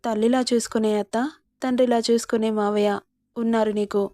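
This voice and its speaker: A woman reads the part of a protective middle-aged father who speaks tenderly to his daughter and stands up firmly to others. The voice is mellow and slightly high, recorded dry. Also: level tone, a little fast, no echo, natural voice. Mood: reassuring. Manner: tender, then firm.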